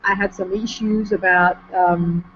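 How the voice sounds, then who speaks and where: A woman from France with a French accent, speaking as an interview guest in a measured way, pausing to find her words. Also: medium pitch, steady tone. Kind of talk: online interview conversation. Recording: muffled lo-fi audio with faint noise.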